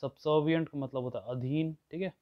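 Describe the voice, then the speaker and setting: A man's voice: on the high side, steady tone, brisk. Man teaching vocabulary, lo-fi sound. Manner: explains words with everyday examples, often checks in with listeners. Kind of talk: explanatory lesson.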